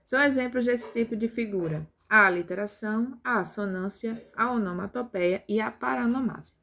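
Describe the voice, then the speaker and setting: A woman's voice: on the high side, normal speed, gravelly, a bit bright. A woman teaching a grammar lesson, explaining patiently step by step. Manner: explains step by step with tag questions.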